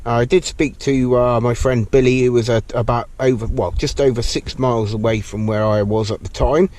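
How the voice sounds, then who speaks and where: Speaking at a normal speed with a medium pitch and steady tone, a vlogger shows viewers how a CB radio works in a casual, hands-on way. He hesitates and rambles informally. It's recorded inside a noisy car, with loud hiss and static from the radio in the background.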